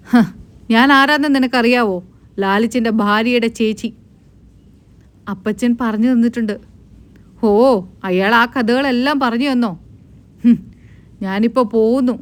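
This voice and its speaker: A woman voicing an angry middle-aged aunt who confronts her niece with sharp, scolding questions. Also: on the high side, a little slow, long pauses, natural voice.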